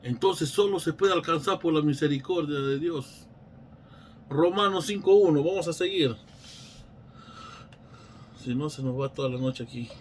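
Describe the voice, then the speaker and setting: A man's voice: on the high side, moderate pace, pauses often, slight background noise. A man teaching a Bible study in a preacherly way, asking rhetorical questions and often restarting his phrases.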